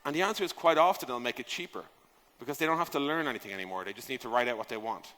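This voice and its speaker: Rapid-fire and sharp, a man with a mid-range voice addresses a large conference hall from the stage, talking software product design. The talk is informal, conversational and emphatic, peppered with rhetorical questions and casual swearing. Reverb rings long through the echoey space.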